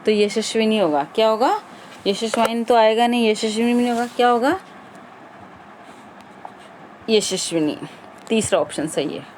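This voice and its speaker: A woman's voice: a little high, moderate pace, darkish tone. Quizzing woman teacher, faint noise. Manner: quizzing, repeats answers, addresses viewers directly. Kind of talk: exam-prep grammar lesson.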